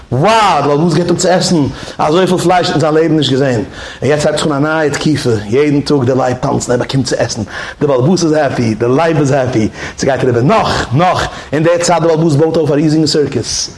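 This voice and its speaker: A man telling a story in a lively way, acting out roars and shouts and mixing English words into his speech. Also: on the high side, echoey room. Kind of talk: animated storytelling.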